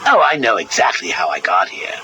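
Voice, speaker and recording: Sarcastic cackling clown baddie, old cassette tape sound, lots of hiss. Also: male voice, sits low, wildly swooping pitch, a little fast, bright, forceful tone, full character voice, poor audio. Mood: sardonic. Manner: sarcastic, sing-song, cackling. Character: manic male villain clown, mocking and theatrical. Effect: played back from an old interview tape. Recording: hissy cassette tape recording.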